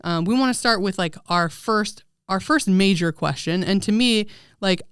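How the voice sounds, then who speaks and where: A woman's voice: mid-range voice, moderate pace, clean tone, dry recording, studio quality. A middle-aged woman hosting a college podcast, upbeat and chatty, with frequent fillers. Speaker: podcast host, student life coordinator.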